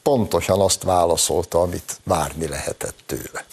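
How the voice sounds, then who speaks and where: A low, husky male voice carries a long, opinionated commentary monologue. He mocks his targets with sarcasm and speaks to his listeners in a familiar way, like a talk show host sharing his views. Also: darkish tone. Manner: sarcastic, mocking.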